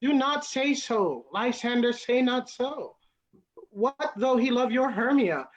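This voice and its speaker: A woman's voice: on the high side, animated, slow pace, muffled recording. A woman playing a lovelorn, wounded young woman, pleading through Shakespeare's verse. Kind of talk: Shakespeare reading.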